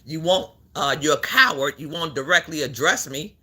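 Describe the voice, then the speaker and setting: An adult speaker of unstated sex hosting a casual livestream, animated and repetitive, calling people out and talking back over a video they play. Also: medium pitch, normal speed. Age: adult who works a job. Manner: animated, repeats phrases, calls people out. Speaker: livestream host. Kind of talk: casual live-stream commentary.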